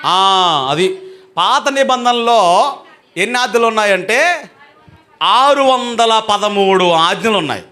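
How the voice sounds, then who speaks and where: ఎత్తైన, పదునైన గొంతుతో చర్చిలో సంఘానికి ఉద్రేకంగా ప్రసంగించే పురుష pastor. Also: male voice, high voice, lively intonation. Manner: emphatic, urges the congregation to respond loudly; swings between slow drawn-out and fast speech. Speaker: pastor. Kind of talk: sermon to a live congregation. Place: church hall with a congregation.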